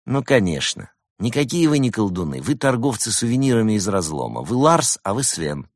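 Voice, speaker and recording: Man doing a calm clever young hero. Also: fairly low pitch, normal speed, no echo, voice pushed up. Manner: calm, dry, reasoning.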